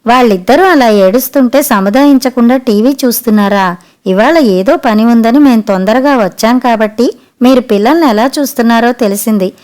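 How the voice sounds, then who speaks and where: A woman reading the part of an irritated young mother who scolds her mother-in-law with sharp, reproachful questions in an audiobook story. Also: a little high, moderate pace, close to an everyday voice. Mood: scolding.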